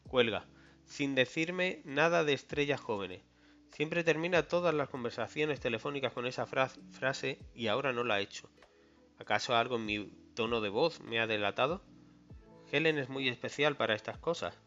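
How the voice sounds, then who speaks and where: A man reads a first-person novel aloud in a wry, conversational way. His voice is bright and forceful. The recording is slightly dull, with faint music underneath. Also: medium pitch, normal speed. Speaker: audiobook reader.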